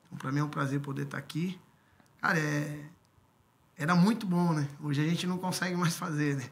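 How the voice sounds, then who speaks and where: A gravelly Brazilian man in his fifties recounts his playing days in an unhurried, chatty way. His voice sits a little high for a man, and he talks close to a studio mic. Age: 50s. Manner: relaxed storytelling with many tag questions. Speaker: guest, former footballer and coach. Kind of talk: casual interview. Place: podcast studio. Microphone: studio mic on stand.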